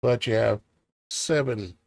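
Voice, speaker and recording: An online preacher reads old scripture aloud in a measured cadence, his mid-range voice tired, starting to go, and a little mellow with vocal fry. He muses on the text with hesitant, questioning asides, and there's no echo.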